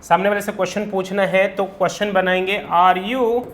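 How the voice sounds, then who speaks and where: A man teaching spoken in a classroom-style lesson, explaining grammar in Hindi and checking in often with "right?" and "okay?" while saying examples slowly. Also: sits high, fairly even intonation, a bit bright. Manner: drills students with repeated "right?" and "okay?" checks and slow English examples.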